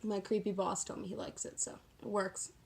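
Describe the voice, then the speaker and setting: Woman, medium pitch, casual makeup vlogger, slangy, sassy, self-mocking, chatty. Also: little pitch movement, moderate pace, creaky, a little mellow. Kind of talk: casual chatty get-ready-with-me tutorial.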